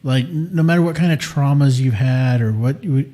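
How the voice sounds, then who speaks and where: A man in his late thirties with a middling voice hosts a relaxed podcast conversation. He gets animated and swears freely, acting out the things he says to himself. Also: mid-range voice, normal speed. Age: late 30s. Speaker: podcast host. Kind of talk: casual chat.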